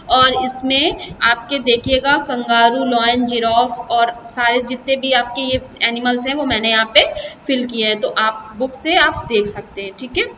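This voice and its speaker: A woman's voice: high-pitched, pushed and bright, long reverb tail, far from the mic, slight background noise, rough recording. An Indian woman teacher with an Indian accent, explaining a children's English exercise step by step and spelling out words. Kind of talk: recorded video lesson in Hindi and English.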